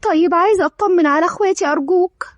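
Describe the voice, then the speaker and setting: A woman's voice: very high voice, rapid-fire, no echo. A woman with an Egyptian accent voicing a tearful young bride in a storybook reading, pleading. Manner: pleading through tears.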